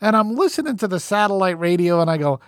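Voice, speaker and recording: High-voiced man rambling through a story. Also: quick pace, smooth, no room sound, clean studio sound. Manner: rambling and animated, swears freely, acts out his own quoted thoughts. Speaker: podcast host. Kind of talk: casual storytelling monologue.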